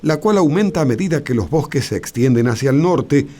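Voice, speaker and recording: A man narrating a scripted nature documentary in a measured, explanatory way. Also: fairly high pitch, lively intonation, warm tone. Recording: music behind the voice. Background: background music.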